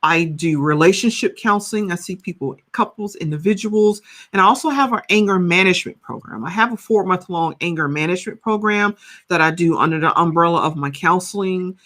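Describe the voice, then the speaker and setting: A woman's voice: fairly low pitch, fairly quick. A woman in her fifties, a counselor and coach, talking animatedly in a podcast interview and often checking in with "right?". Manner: animated storytelling, rhetorical "right?".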